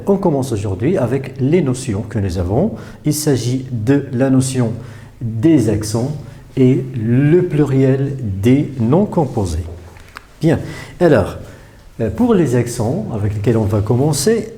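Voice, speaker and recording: A man's voice: medium pitch, mellow. A man teaching a remote spelling lesson to primary pupils, explaining patiently step by step with examples, repeating key rules and often hesitating with fillers.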